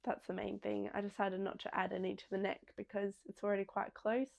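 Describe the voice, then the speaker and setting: A woman's voice: medium pitch, level tone, a little fast, vocal fry. A young woman hosting a podcast, chatting casually and rambling with many ums and small restarts. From Australia. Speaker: podcast host. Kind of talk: casual chat.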